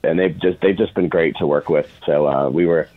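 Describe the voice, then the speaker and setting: Interview guest: middle-aged man, low register, informal storyteller, narrow phone-line audio. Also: steady tone, fairly quick. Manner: informal, quotes past dialogue in anecdotes. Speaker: interview guest, film producer. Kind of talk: casual anecdotal storytelling. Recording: phone-like, band-limited radio sound.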